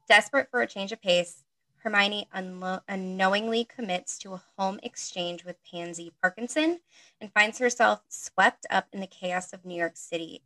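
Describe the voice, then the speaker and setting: A woman's voice: mid-range voice, pushed and bright. A woman co-hosting a podcast, chatting casually with fillers and then reading a story aloud. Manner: chatty, filler-heavy, laughs at herself. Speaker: podcast co-host and reader.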